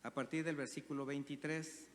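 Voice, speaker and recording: A man's voice: on the high side, fairly even intonation, moderate pace, big-room sound, slight background noise. A man with a Mexican Spanish accent preaching a sermon, reading scripture aloud and explaining it with questions to the congregation. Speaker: pastor. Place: church hall.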